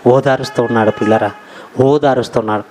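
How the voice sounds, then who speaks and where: A man's voice: mid-range voice, fairly even intonation, fast talker, a little mellow, a little hiss or hum. A man preaching a sermon, emphatic and repetitive, addressing his listeners directly. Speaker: preacher, Bible college principal.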